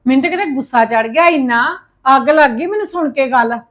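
A high-pitched sister played by a woman in a family drama. She scolds and complains, quick to take offence. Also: expressive, a bit bright. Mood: indignant. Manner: indignant, scolding. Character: proud, easily hurt woman attached to her village. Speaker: sister Davinder, mother of the house. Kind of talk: home-made family drama acting.

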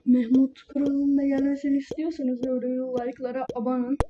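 Woman ranting at a mobile game, kinda high voice, muffled lo-fi mic with loud hiss. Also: monotone, quick pace. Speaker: gaming channel host. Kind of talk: casual gaming commentary. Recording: lo-fi with background noise.

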